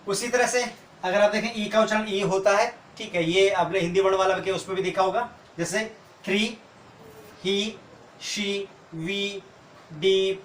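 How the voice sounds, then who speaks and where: In this video lesson, a man who teaches English explains things one step at a time and keeps posing rhetorical questions. His voice is high and fairly bright. Faint noise sits under the echo of the room.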